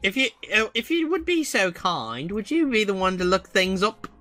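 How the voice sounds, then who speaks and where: A man's voice: sits high, big pitch swings, normal speed, pushed and bright, faint music behind. A man hosting a gaming show, chatting casually and reading game text aloud.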